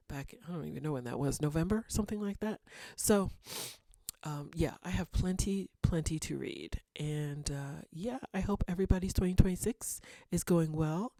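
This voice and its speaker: A woman vlogger chatting casually to camera, rambling a little, with fillers and soft laughs. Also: sits low, creaky, dry recording. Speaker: writer and vlogger.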